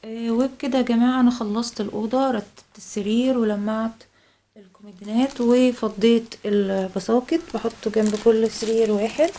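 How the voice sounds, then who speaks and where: Soft-spoken Egyptian woman with gravelly fry. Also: a little high, steady tone. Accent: Egyptian Arabic. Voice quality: tired, sighing. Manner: slow, soft-spoken, many filler pauses. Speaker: home vlogger. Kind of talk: casual vlog narration.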